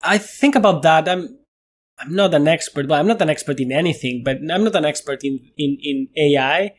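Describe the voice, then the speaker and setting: A guest scientist from Spain talks in a conversational interview with an animated, Spanish-accented voice that's fairly high and fairly quick. He laughs often and repeats words when stressing a point.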